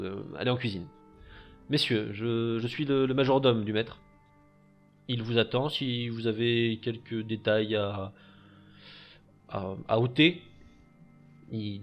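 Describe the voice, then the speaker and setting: A man's voice: medium pitch, close to an everyday voice. Fussy, obsequious male butler, acted by a game master, stammering formally, light music behind. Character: fussy, possessive male butler of a rich merchant. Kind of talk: tabletop role-play.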